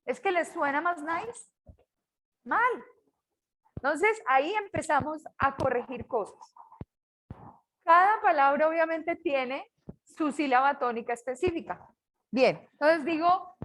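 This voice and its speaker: An older woman from Colombia with a Colombian accent, teaching a class with a lively, joking manner. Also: sits high, slow pace, long pauses, slight background noise, poor audio. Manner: lively, jokes with students. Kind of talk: online class lecture.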